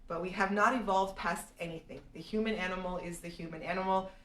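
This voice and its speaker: Woman with a low voice in an echoey room. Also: fairly even intonation, fast talker, a bit bright, distant mic. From Serbia. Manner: thinking aloud, frequent restarts and "um"s. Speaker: real estate analyst answering viewer questions. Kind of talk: live-streamed Q&A. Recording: echoey room, voice a bit off-mic.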